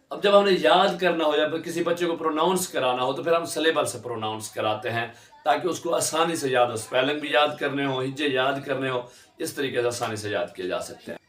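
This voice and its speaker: A man teaching a lesson on English syllables, stretching each example word out slowly as he drills pronunciation. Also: medium pitch, fairly bright tone, echoey room.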